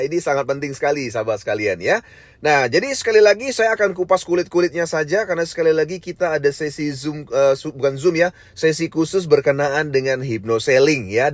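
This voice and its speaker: A man teaching a sales training session, deliberately swinging between high and low pitch and fast and slow speech, often adding a tag word at the end of sentences. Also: no echo. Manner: varies pitch and pace on purpose, frequent tag "ya"; addresses listeners as "sahabat sekalian". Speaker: network marketing trainer. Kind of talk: online training lecture.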